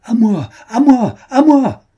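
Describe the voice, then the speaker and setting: A man's voice: mid-range voice, normal speed, mellow, breathy edge, lightly acted. A man voicing an impassioned young woman, a ballroom duchess, in an audiobook reading. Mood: shrieking. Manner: impassioned, indignant, theatrical.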